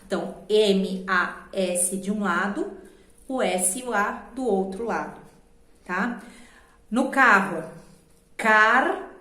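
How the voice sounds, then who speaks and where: A woman with a Brazilian Portuguese accent teaching a children's grammar lesson, patiently slowing down to spell out letters and syllables. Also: mid-range voice, fairly bright tone. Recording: echoey room.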